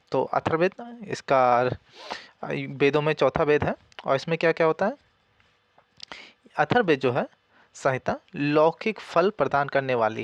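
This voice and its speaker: A man's voice: on the high side, no echo. Man teaching, asking and answering himself. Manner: asks questions and answers them himself, repeats key points. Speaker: exam coaching teacher. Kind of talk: casual spoken lesson.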